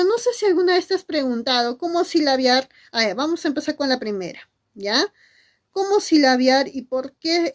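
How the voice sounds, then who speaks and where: A woman teacher gives an animated lesson to camera, asking questions and answering in the voices of her students. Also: sits high. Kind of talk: classroom-style lesson to camera.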